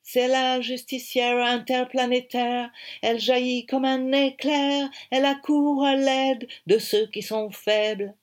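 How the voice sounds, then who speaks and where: A woman's voice: high voice, moderate pace, few pauses, pitched above the performer's own voice, natural voice. A woman voicing a jovial male British film director, theatrical and fond of singing. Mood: sing-song. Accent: put-on British accent. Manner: theatrical, sings grandly.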